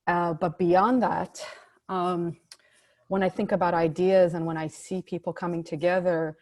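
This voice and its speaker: A woman's voice: on the low side, flat delivery, measured pace, darkish tone, dry recording. A woman from Israel introducing herself in a friendly, thoughtful way. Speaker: participant. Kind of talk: personal introduction.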